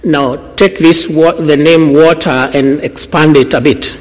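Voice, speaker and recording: A middle-aged man from Kenya, a guest pastor speaking in short phrases with "uh" pauses, stopping for an interpreter. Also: on the high side, fairly even intonation. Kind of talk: church talk with interpreter. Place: church hall. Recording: long church hall reverb.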